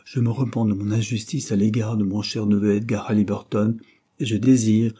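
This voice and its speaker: A man's voice: on the low side, flat delivery, brisk, mellow, slightly rough. A man voicing a dying old man who gives solemn, urgent orders from his deathbed, in an audiobook reading.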